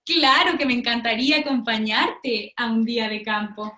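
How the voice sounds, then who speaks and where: A woman voicing a frightened young female pig in a storybook, with shrill, high, drawn-out exclamations. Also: steady tone, pushed and bright. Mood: delighted. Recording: roomy echo.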